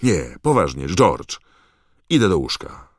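A man's voice: low voice, sing-song, slow pace, creaky, dark tone, breathy edge, no echo, studio quality, voice pushed up, heavily acted. A man playing a tired teenage boy wizard. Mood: insistent. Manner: insistent, tired. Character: weary teenage boy wizard, reluctant hero.

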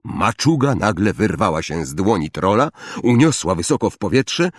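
Husky-voiced male storybook narrator. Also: on the low side, dry recording, clean studio sound. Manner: expressive, dramatic storytelling. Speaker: audiobook narrator.

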